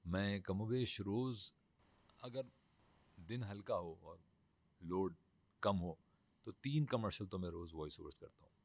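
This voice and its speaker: A man's voice: low voice, pauses often, dry recording. A man, a voice-over artist telling stories in a formal, emphatic way in a casual studio talk.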